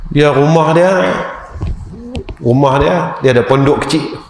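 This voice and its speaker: A man's voice: a little high, measured pace, vocal fry, darkish tone, slight background noise. A male preacher with a Kedah Malay accent, giving a storytelling mosque lecture and often addressing the audience directly. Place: mosque hall. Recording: echoey mosque hall, faint ambience.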